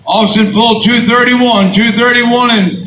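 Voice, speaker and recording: High-pitched American announcer man over distant PA. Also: fairly even intonation, a little slow, dull audio, faint music behind. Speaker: truck and tractor pull announcer. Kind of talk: live event commentary over PA. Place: outdoor motor pull event. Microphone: PA announcer heard from far camera. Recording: distant echoey PA, loud engine noise. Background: loud vehicle engines.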